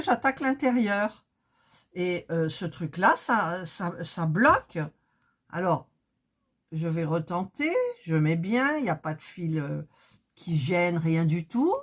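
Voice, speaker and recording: A woman talking her way through a crafting project in a casual vlog, thinking aloud and getting flustered when it goes wrong. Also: lowish voice. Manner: chatty, thinking aloud, gets flustered and exasperated. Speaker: craft vlogger.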